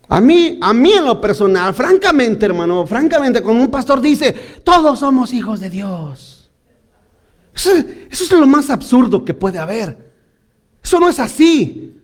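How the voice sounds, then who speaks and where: High-voiced man preaching with animated energy. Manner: animated preaching with frequent audience prompts. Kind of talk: sermon.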